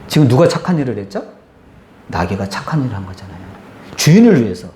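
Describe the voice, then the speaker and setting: A man preaches a Sunday sermon, telling the story vividly and slipping into the characters' voices. His pitch swings widely as he talks, and the sound carries the echo of a church hall. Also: very animated, quick pace, a crowd in the background. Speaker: pastor.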